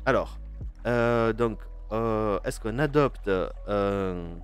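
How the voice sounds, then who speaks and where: A man's voice: fairly low pitch, drawn-out words, clear, resonant tone, soft background music. A man streaming a game live, hesitant and full of fillers, chatting with his viewers and reading game text aloud. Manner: hesitant, many fillers and restarts, chats with viewers.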